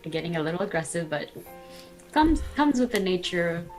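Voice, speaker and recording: A woman's voice: on the low side, very animated, a little fast, soft background music. A woman chatting as a podcast guest in an upbeat way, laughing easily, over a video call. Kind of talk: casual podcast chat.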